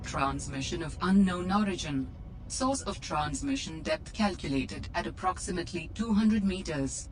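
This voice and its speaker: A woman voicing a calm onboard computer assistant in a video game, giving clipped, formal, impersonal system announcements. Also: fairly low pitch, normal speed, slight background noise, close to an everyday voice, rough recording. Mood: calm, factual.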